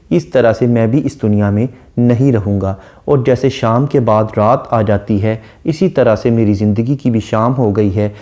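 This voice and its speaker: A man giving a careful, explanatory literature lecture and repeating key words slowly. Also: mid-range voice, warm tone.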